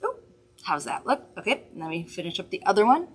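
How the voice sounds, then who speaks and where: A woman's voice: medium pitch, very animated, brisk, slightly rough. A woman hosting a weekly makeup livestream, chatting casually and giggling while she demonstrates products. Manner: chatty, giggly, rambling asides. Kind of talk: casual product demo chat.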